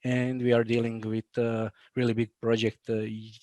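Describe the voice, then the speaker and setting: Croatian guy on a video call, monotone, lots of uh and restarts, dry sound. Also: mid-range voice, no echo. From Bosnia. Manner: halting, many fillers and restarts; laughs often. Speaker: guest, BIM manager. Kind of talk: casual interview.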